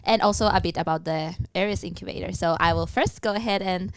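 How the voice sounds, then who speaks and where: A woman's voice: on the low side, a little fast, clean tone, dry recording. A woman, a student co-hosting a podcast, friendly and affirming, introducing topics from her notes. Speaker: co-host, student. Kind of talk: podcast interview.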